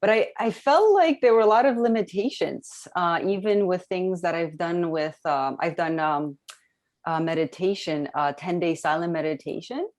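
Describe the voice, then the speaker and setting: A woman's voice: fairly low pitch, normal speed, darkish tone. A woman from Romania who works as a health coach, speaking as a guest on a webinar over a video call and talking in a chatty way with many fillers and restarts. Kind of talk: casual webinar testimony.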